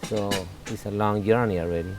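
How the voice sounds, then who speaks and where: A man's voice: on the low side, steady tone. Candid Salvadoran man in his forties. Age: 40s. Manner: earnest, candid, halting non-native English. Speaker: interviewee. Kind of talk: casual interview talk.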